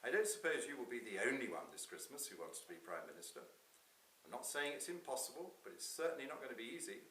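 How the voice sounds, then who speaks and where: A man's voice: mid-range voice, big pitch swings, fast talker, bright, forceful tone. A man voicing a grave, dismissive Santa who admonishes his visitors in a satirical Christmas story read aloud. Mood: grave, firm. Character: stern, weary Santa lecturing petitioning politicians. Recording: roomy, distant microphone, clear hiss.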